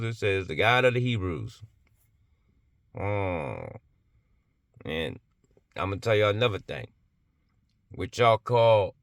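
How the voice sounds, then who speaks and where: A man's voice: fairly low pitch, dry recording. A man giving an impassioned religious monologue, emphatic and blunt, firing off rhetorical questions and swearing freely.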